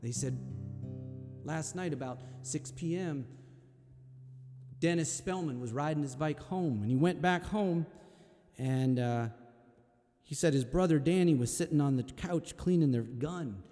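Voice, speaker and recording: A man, a folk singer at a live-streamed concert, telling a personal story in a slow, hushed and reflective way, with halting repeats. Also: on the high side, in a large hall, faint music behind.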